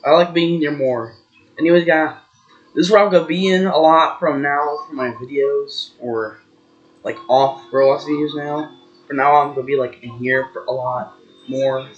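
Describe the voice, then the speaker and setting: A man's voice: fairly high pitch, steady tone, moderate pace. A young man hosting his gaming channel, rambling casually with lots of fillers and hesitations. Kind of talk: casual vlog chat. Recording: dull lo-fi mic.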